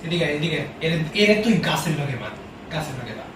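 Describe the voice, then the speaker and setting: A young man playing a hot-tempered rustic father who scolds and threatens in rapid bursts. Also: on the high side, expressive, background noise, natural voice. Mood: furious. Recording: echoey room, voice from far off.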